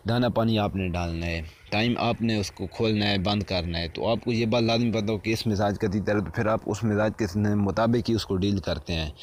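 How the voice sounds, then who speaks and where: Low-pitched male host talking viewers through care advice, restating each point, faint ambience behind. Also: a little hiss or hum. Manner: repeats and rephrases points, addresses viewers as friends. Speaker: partridge-keeping advice host. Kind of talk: spoken instructional tips.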